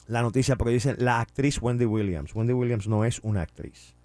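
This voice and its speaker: Chatty radio host, dry mic. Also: male voice, medium pitch, a little fast, a little mellow, no echo, soft background music. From Puerto Rico. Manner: mixes English phrases into Spanish, chatty. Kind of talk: casual radio talk.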